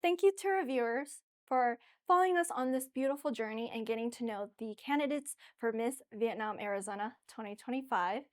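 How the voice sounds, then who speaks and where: A woman's voice: fairly high pitch, brisk, hardly any pauses. A woman hosting an interview in an encouraging, effusive manner, full of support for her guests. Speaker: host and pageant coach.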